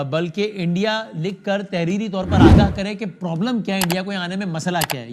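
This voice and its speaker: A man presenting sports news, explaining a cricket dispute in a measured way with occasional hesitations. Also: sits high.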